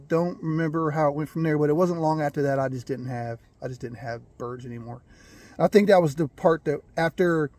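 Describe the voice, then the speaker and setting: A man telling a rambling, folksy story about his birds, clearing his throat now and then. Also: a little high, a little mellow, dry recording. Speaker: gamefowl breeder. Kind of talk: casual storytelling.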